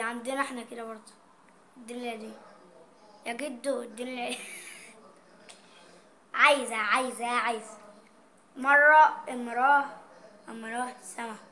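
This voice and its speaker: A woman's voice: a little high, bright, forceful tone, a little hiss or hum. A woman with an Egyptian accent, chatting playfully in a vlog as she reads out dialect words and explains what they mean. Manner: playful, reading out dialect words and their meanings. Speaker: vlogger. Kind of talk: casual vlog chat.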